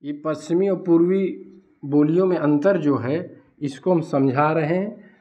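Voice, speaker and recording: A man's voice: a little high, a little slow. A man teaching a Hindi class at a board, who asks questions and then answers them himself. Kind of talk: blackboard lecture. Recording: dull lo-fi recording.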